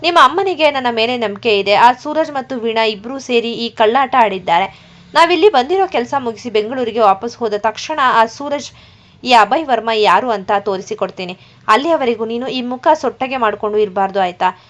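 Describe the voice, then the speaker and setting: A woman's voice: fairly high pitch, animated, moderate pace, a bit bright. Woman reading a grave young businessman. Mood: soothing. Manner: grave and reassuring. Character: rich confident young male businessman, protective. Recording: dull lo-fi recording.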